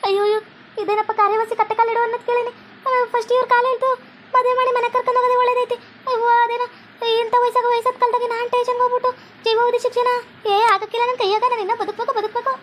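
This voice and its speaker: A woman voicing a panicky old village mother, wailing and pleading in a high voice. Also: little pitch movement, rapid-fire, a little hiss or hum.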